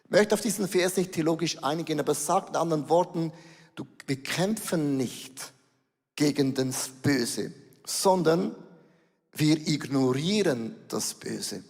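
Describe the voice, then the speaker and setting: A middle-aged man with a Swiss German accent preaching a sermon, switching between slow emphatic words and rapid bursts. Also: on the high side, lively intonation, creaky, darkish tone, big-room sound. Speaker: pastor. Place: large church hall.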